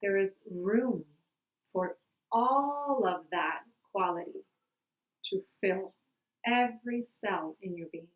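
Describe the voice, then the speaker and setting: A woman leading a calm grounding exercise as a meditation guide, speaking gently and unhurriedly with long pauses. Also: medium pitch. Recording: roomy, echoing sound.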